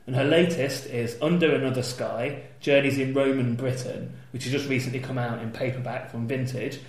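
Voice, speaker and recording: A man's voice: medium pitch, darkish tone, slightly rough. A man hosting a podcast, chatty and wry in an informal way. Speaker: podcast host. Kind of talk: conversational podcast interview with ad read.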